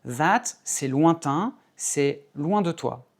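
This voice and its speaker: A French-speaking man teaching travel English, spelling words out and modelling phrases slowly. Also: a little high, expressive. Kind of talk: language lesson.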